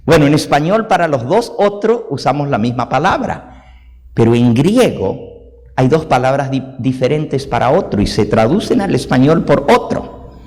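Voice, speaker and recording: A man's voice: medium pitch, sing-song, moderate pace, darkish tone. A male pastor preaching a sermon, explaining point by point with repeated everyday examples. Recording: long reverb of a hall.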